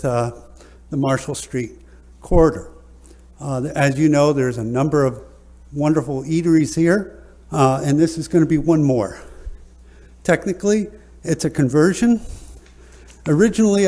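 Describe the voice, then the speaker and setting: A man, an architect presenting a project at a public hearing in a relaxed, joking way with many fillers. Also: a little high. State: slightly out of breath at first.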